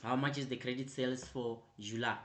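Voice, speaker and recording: A man's voice: mid-range voice, level tone. Man tutoring, prompting with repeated "right?". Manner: repetitive, prompting with "right?" and "quickly"; grows louder and more emphatic when explaining. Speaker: accounting tutor. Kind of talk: online revision lecture.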